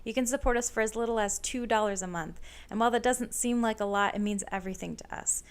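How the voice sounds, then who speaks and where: A woman hosting a podcast, speaking in a steady, even manner as she introduces the show and her guests. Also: on the high side, fast talker, clear, resonant tone. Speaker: podcast host.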